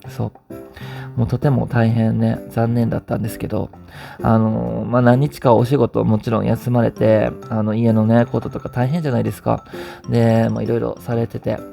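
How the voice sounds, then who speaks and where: A man with a Kansai Japanese accent hosts a vlog in a loose, playful chat, teasing and laughing as he reads out listener stories. His voice is mellow and warm with a gravelly edge. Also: medium pitch, flat delivery, normal speed, faint music behind. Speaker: vlog host.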